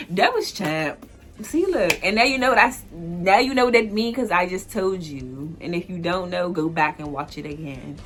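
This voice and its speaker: With soft music in the background, a young woman from Washington, D.C., in her 20s, talks through a casual solo vlog explainer. Her low, fairly bright voice is animated at normal speed, relaxed and chatty, packed with "like" fillers and quick laughs.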